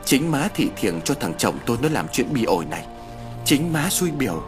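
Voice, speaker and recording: A man's voice: mid-range voice, sing-song, moderate pace, music in the background, lightly acted. A man voicing an enraged, cruel young wife hurling accusations in an audiobook story. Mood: furious. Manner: snarling, accusing.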